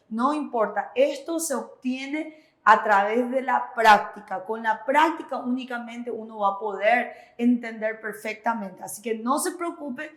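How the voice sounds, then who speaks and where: A woman's voice: high voice, fairly bright tone, reverberant. A woman teaching a Korean language lesson in Spanish, explaining step by step in a reassuring way. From Paraguay. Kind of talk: classroom explanation.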